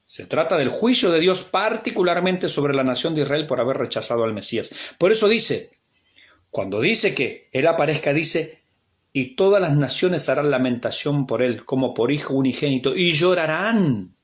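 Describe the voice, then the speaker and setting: A man with an Argentine accent, a pastor teaching a Bible class as a sermon, swinging between emphatic raised lines and hushed asides. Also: a little high, animated, normal speed. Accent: Argentine Spanish.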